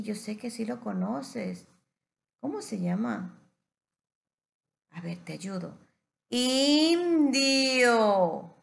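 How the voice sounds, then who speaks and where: A woman teacher giving a patient phonics lesson to young children, stretching words out slowly. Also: medium pitch, creaky, a little mellow.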